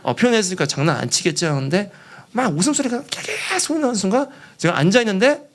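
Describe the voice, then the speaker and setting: A man's voice: high voice, big pitch swings, fast. A young man preaching as a junior pastor in a church, telling a story with animation, acting out quoted voices and laughing along. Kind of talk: storytelling sermon.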